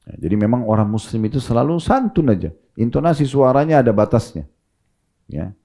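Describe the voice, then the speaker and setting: Dark-voiced man preaching calmly. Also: mid-range voice, fairly quick, creaky. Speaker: Islamic preacher. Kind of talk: sermon.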